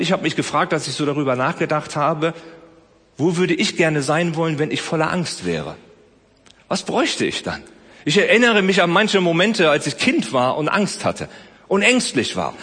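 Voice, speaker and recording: A man preaching a sermon, swinging between loud emphasis and soft, close speech. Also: sits high, breathy edge, big-room sound. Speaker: pastor.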